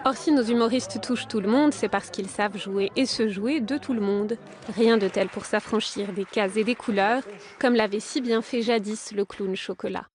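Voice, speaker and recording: A woman reading scripted documentary narration in a measured, polished way. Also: mid-range voice, a faint crowd.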